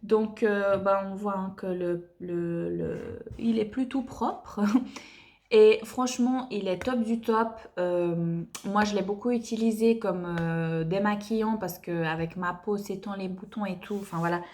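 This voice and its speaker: A woman's voice: medium pitch, fairly even intonation, measured pace, darkish tone. A young woman reviewing beauty products in a chatty, enthusiastic way with lots of fillers. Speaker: beauty vlogger.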